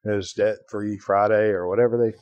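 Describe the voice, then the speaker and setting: Casting: male podcast host, lowish voice, chatty storyteller, dry close sound. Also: steady tone, a little fast, darkish tone, dry recording. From Ireland. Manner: storytelling, acts out quoted voices, fillers like "right?". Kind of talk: casual conversation.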